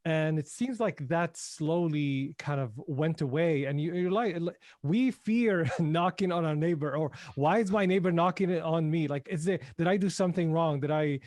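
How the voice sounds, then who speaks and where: Podcast host, man from Syria, higher voice, reflective, hesitant, dry close sound. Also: normal speed, few pauses, darkish tone, dry recording. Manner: engaged, reflective, hesitant restarts. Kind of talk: casual interview talk.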